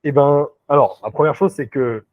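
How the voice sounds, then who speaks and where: A man's voice: a little high, moderate pace, dry recording. Man on a dry, tinny video call. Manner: hesitant, many fillers and restarts. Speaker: recruiter, interview guest. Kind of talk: casual interview chat.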